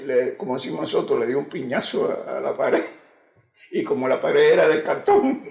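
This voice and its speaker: A man's voice: on the high side, gravelly, darkish tone. An older man, a musician being interviewed, chuckling as he tells an anecdote and quotes the dialogue. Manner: chuckling storyteller quoting dialogue. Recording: echoey room.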